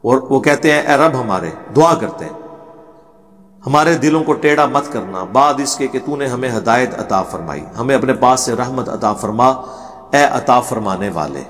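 A man giving a religious lecture. He recites Arabic verses slowly, then explains them in conversational Urdu and argues his points with anecdotes. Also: medium pitch, animated, fairly bright tone. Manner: argumentative, tells anecdotes. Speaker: religious scholar. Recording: echoey hall reverb.

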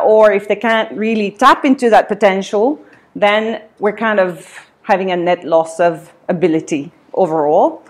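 A woman from Switzerland giving a seminar talk in a meeting room, with many ums and uhs, filmed by a camera across the room. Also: mid-range voice. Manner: many fillers, hesitant, laughs often. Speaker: seminar speaker. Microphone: far camera.

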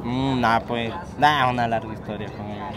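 A man's voice: medium pitch, steady tone, moderate pace. A shy young man from Honduras, giving short, hesitant answers in an outdoor street interview. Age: young adult. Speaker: migrant interviewee. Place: outdoors on a city street by a shelter. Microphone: lapel mic. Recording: outdoor street with crowd noise.

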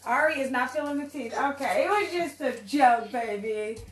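A woman's voice: high voice, moderate pace, distant mic. A young woman chatting casually and playfully to camera in a small room at home. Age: young adult. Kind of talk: casual playful vlog chat. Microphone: camera set a few feet away. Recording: echoey room, off-mic, faint noise.

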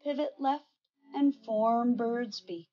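Slow-paced older woman giving serene tai chi cues. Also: a little high, dull audio.

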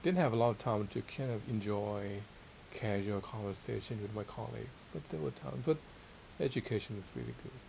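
In a small library room with armchairs, a middle-aged Thai man who teaches theology and writes books sits for a casual interview. His fairly low voice moves a little fast with some vocal fry, and he answers modestly and hesitantly, searching for words. The low-quality recording carries a steady hiss and room noise.

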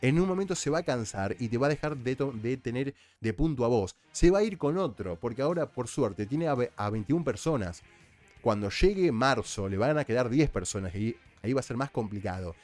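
Argentine man, recap commentary, chatty and explanatory, mid-pitched voice, faint music behind. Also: animated, fairly quick, a little mellow. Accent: Argentine Spanish. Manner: chatty, explanatory, with frequent restarts. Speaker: reality show recap commentator. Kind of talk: casual commentary.

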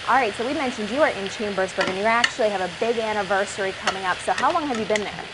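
A young woman hosting a live TV morning show segment, asking a guest upbeat, quick questions in a studio kitchen. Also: medium pitch, heavy background noise. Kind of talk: live TV interview. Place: studio kitchen set, indoors. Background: faint sizzling of frying food.

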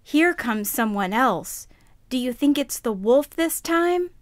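A woman voicing a kind, timid little girl in a children's puppet show, sweet and deliberate. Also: sits high, expressive, dry recording, clean studio sound. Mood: nervous.

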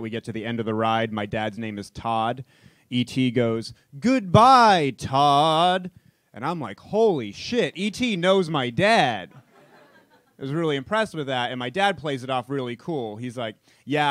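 A young man, a storyteller comedian, tells a funny personal story on stage to a live audience in a casual, wry way. His voice is mid-range and the recording is dry.

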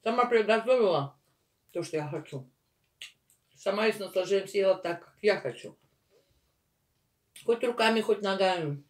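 A woman's voice: medium pitch, animated, normal speed, long pauses, recorded from a distance. An older woman chatting casually in an eating vlog, talking with her mouth full and chewing, humming contentedly as she savors her food. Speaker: mukbang vlogger.

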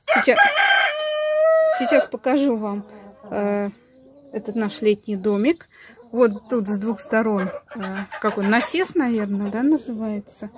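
Woman vlogging in her garden, slow talker, lots of ums, sweet-talks the chickens, faint hiss and clucking. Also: a little high, a little mellow. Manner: unhurried, searching for words with many fillers; cooing affectionately to her hens. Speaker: village vlogger. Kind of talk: casual walk-and-talk vlog. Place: outdoors in a garden and chicken yard.

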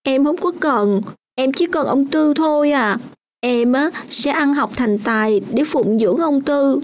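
A woman's voice: high-pitched, measured pace, slight background noise. A woman voicing a young orphan girl in a radio drama, stubborn and hurt, with a sulky insistence.

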